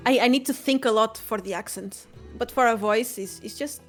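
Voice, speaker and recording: A young woman with a fairly high voice teases and giggles her way through a relaxed livestream chat. Faint music sits quietly behind her. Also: normal speed. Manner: playful, giggly, teasing. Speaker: player, co-host guest.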